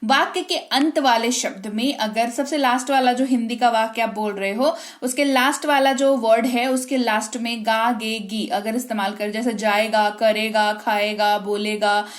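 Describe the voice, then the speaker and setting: A woman with an Indian accent teaching grammar, explaining patiently and slowing down to say example sentences. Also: on the high side, fairly even intonation. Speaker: English teacher.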